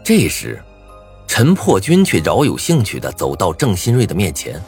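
A man's voice: deep voice, wildly swooping pitch, moderate pace, a little mellow, faint music behind. A man narrating a suspenseful first-person story in a tense storytelling voice.

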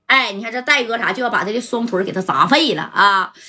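A woman's voice: a little high, animated, fast talker, pushed and bright, slightly rough. A woman telling a crime story, with chatty asides to the listener.

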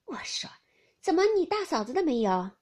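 A woman reading aloud as a bantering, sharp-tongued noble lady who scolds with a laugh. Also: sits high, big pitch swings, normal speed, pitched above the performer's own voice. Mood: teasing.

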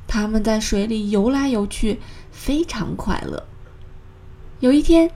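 A woman narrating a children's story in a gentle, expressive way. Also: on the high side.

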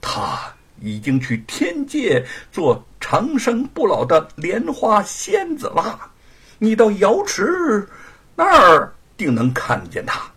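A fretful male king of the underworld, voiced by a man, stammers and drags out his words in a storybook. His voice sits high, breathy and husky. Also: huge pitch swings, a bit bright, full character voice. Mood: nervous. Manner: stammering, nervous and slow.

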